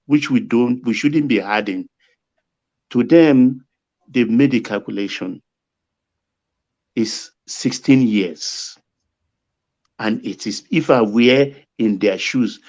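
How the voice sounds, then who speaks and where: A man's voice: medium pitch, a little mellow. An older man, arguing emphatically as a panelist in a heated debate. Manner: emphatic, bursts upward on key points. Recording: dull lo-fi line.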